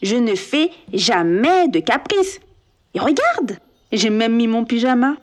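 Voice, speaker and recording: A woman voicing a small boy in a children's storybook, high and childish in tone. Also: sing-song, takes it slowly. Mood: boastful. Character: small boy, scared then sorry.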